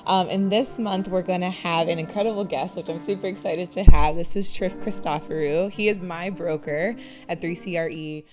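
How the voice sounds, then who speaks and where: Woman host, lowish voice, upbeat, music clearly behind. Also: steady tone, moderate pace, few pauses. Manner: upbeat, laughs often. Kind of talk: casual interview.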